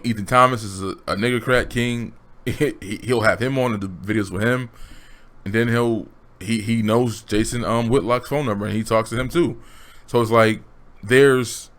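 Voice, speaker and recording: A man's voice: medium pitch, a bit bright. Blunt slangy man giving his take. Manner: blunt, slangy, direct address to viewers. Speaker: commentary vlogger. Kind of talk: casual opinion commentary.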